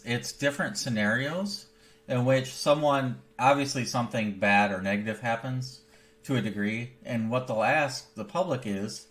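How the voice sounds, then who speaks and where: A man's voice: mid-range voice, fairly bright tone. A man co-hosting a comedy reaction show, dry and sarcastic as he explains and teases. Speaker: co-host. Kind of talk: comedic banter podcast.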